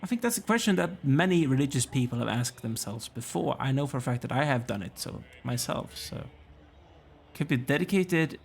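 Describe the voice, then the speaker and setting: A man's voice: medium pitch, animated, normal speed, vocal fry, slight background noise. A tired, yawning man casually commenting as he plays a strategy game, musing aloud and chatting to the characters on screen. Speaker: let's play gamer.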